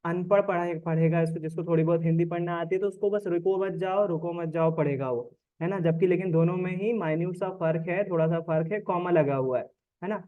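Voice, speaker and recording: A man's voice: on the high side, fairly quick, narrow, tinny audio. A man teaching an online class, explaining in a conversational way and often checking in with students.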